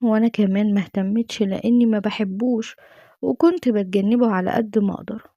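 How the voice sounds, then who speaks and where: A woman's voice: mid-range voice, fairly even intonation, fast, dark tone, no room sound, muffled recording. A woman with an Egyptian Arabic accent, narrating a dramatic true-life story in the first person with earnest emotion.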